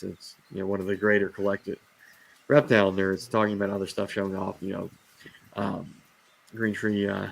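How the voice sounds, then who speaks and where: The recording is rough, carrying a man's low, gravelly, slightly bright voice. He runs a casual reptile livestream, rambling and ranting, full of fillers and restarts as he loses his voice.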